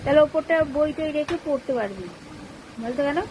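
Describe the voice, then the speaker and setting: A high-voiced woman speaks casually, like a mother running a home vlog. Her manner is playful and chiding, homely and informal. The recording carries clear household noise. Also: lively intonation, moderate pace. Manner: nagging, playful, chiding family talk. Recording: noisy home phone-video recording.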